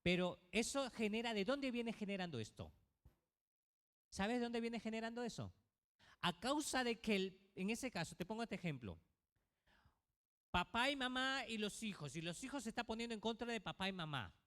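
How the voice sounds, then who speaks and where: A man's voice: high-pitched, animated, normal speed, fairly bright tone. A male pastor preaching a sermon to his congregation, asking many rhetorical questions. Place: church. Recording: reverberant church hall.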